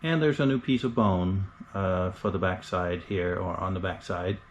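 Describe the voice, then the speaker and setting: A man with a fairly low voice walks through a guitar repair step by step. He talks in a casual, unhurried way, pausing on ums and uhs as he explains each part. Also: slight background noise. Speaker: guitarist showing a pickup install. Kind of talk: step-by-step DIY tutorial.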